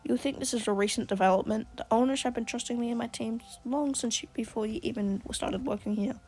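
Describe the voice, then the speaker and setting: A woman's voice: fairly high pitch, quick pace, a little mellow, husky. A woman voicing a defiant, dismissive woman scientist in a game. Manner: dismissive, retorting. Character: defiant woman doctor, sharp-tongued scientist.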